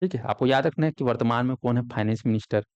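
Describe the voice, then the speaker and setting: Speaking rapid-fire in a medium-pitched, slightly mellow and clean voice, a man runs an exam coaching lecture full of call-and-response questions he answers himself. The audio is dry and dull.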